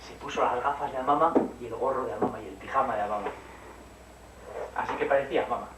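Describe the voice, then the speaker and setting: A man working as a psychomotor therapist, gently telling a story and playing with a child, often asking questions. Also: medium pitch, fast. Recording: roomy room, distant mic, noisy.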